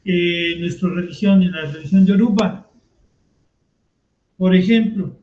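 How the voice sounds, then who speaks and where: A man lectures in an easy, conversational way, asking and answering his own questions as he teaches. His voice sits high for a man. The sound is roomy and somewhat dull, like a lo-fi recording. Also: unhurried, slight background noise. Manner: conversational, frequent rhetorical questions. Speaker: teacher leading a commented reading. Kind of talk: explanatory lecture.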